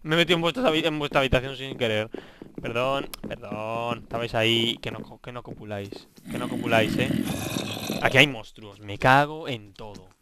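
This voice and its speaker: A young man with a Spain Spanish accent, giving let's play commentary, excitable and swearing while bantering with game characters. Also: medium pitch, brisk, background noise. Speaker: gaming video host.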